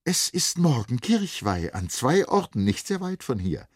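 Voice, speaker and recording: A tender, impulsive young village girl, put on by a male audiobook reader. The voice is lifted well above a man's low register and swings widely, keeping a husky grain. It is recorded close and dry. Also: very animated, a little slow, dry recording. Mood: eager. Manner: raised girlish pitch, pleading. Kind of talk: audiobook character voice.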